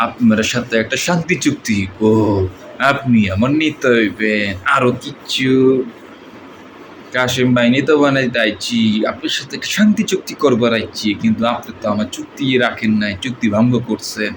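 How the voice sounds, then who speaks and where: A man voicing a menacing, swaggering movie villain gang boss with a Bangladeshi accent and drawn-out threatening taunts. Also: medium pitch, natural voice. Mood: mocking menace. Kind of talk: film villain dialogue mimicry. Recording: noisy amateur recording.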